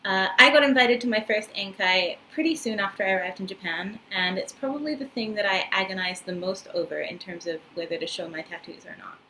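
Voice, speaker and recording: In a small indoor room with a wooden floor and paper screens, a New Zealand woman in her twenties, a vlogger and English teacher in Japan, talks to the camera up close in a relaxed, friendly way, using many ums and uhs. Her medium-pitched voice is brisk, with few pauses, and her tone is bright and forceful. The recording is rough, with slight background noise.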